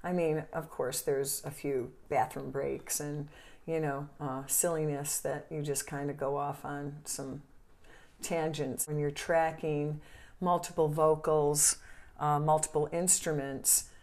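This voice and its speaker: A woman from southern Italy, a podcast guest and songwriter, talking in a measured, explanatory way with frequent fillers. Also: low voice, level tone, a little mellow. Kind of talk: casual interview chat.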